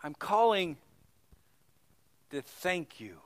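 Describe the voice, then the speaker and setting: A middle-aged male pastor telling stories in a sermon, swinging from loud exclamations to hushed, near-whispered moments. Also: sits high, very animated, very slow, no echo.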